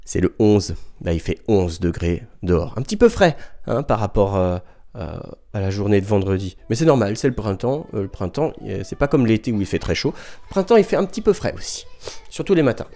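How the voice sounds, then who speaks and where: A man who is a primary school teacher, giving a remote lesson to young children at home, speaking slowly and clearly, sounding out syllables and counting down before each answer. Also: on the low side, big pitch swings, dark tone. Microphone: microphone in front of a camera.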